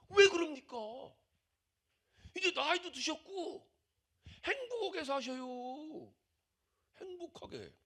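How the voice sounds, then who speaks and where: A man voicing a fussing acquaintance who nags and pleads with him to slow down and enjoy life. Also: very high-pitched, bright, forceful tone, pitched above the performer's own voice, full character voice. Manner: pleading, nagging. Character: fussing acquaintance urging rest.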